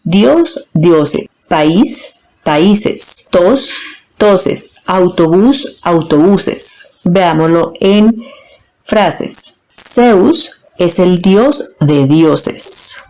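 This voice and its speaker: Slow, low-voiced woman teacher. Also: animated, darkish tone. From Colombia. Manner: slow, deliberate, splits words into their parts. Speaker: Spanish teacher. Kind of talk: scripted grammar lesson.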